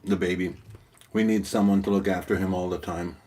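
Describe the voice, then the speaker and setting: A man co-hosting a mukbang, chatting casually and answering viewer questions over a meal, with hesitant pauses. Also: deep voice, fairly even intonation, mellow, slight background noise. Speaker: mukbang co-host.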